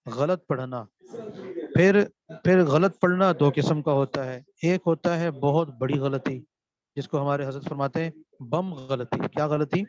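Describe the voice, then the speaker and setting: This seminary teacher from Pakistan has a fairly high-pitched, darkish voice. During his classroom lecture on Quran recitation he asks his students questions, answers them himself, and repeats key terms, all captured in dull, dry lo-fi audio.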